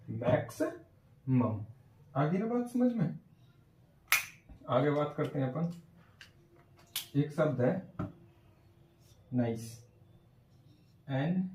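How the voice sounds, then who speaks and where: A male teacher giving a classroom lesson on phonetic transcription, slowly sounding out words and often checking whether students follow. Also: a little high, a little mellow, a little hiss or hum. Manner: slow, repeats sounds and checks understanding often. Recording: echoey room from far off.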